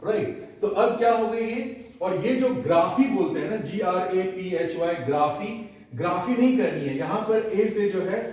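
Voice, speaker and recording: A man teaching English pronunciation with an Indian accent, drilling each word twice slowly, then explaining quickly in Hindi. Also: sits high, darkish tone. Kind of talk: classroom lesson at a board. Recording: echoey room, voice from a distance.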